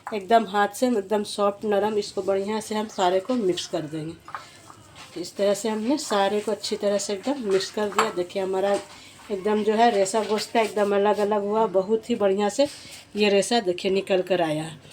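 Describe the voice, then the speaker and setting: A woman's voice: medium pitch, steady tone, normal speed, darkish tone, a little hiss or hum. Homely woman demonstrating a home recipe. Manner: homely, repetitive, restarts often. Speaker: cooking channel host.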